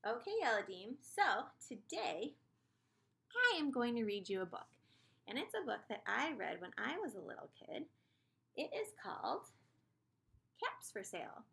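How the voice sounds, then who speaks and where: A woman preschool teacher leading young children through a morning lesson, speaking in a measured, encouraging way as if teaching a child to count. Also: on the high side, sing-song, creaky, fairly bright tone.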